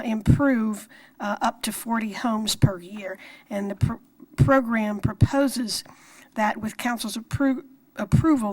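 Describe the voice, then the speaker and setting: A woman council member giving a formal prepared presentation with a measured, sometimes halting delivery. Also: a little high, poor audio. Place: council meeting room.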